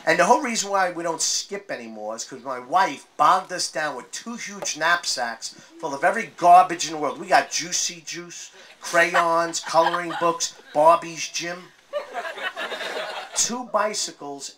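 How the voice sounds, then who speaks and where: A man performing a stand-up comedy set, telling stories with acted-out voices and loud outbursts. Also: fairly high pitch, animated, measured pace. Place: live comedy venue with laughing audience. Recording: live audience crowd noise. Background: audience laughter and applause.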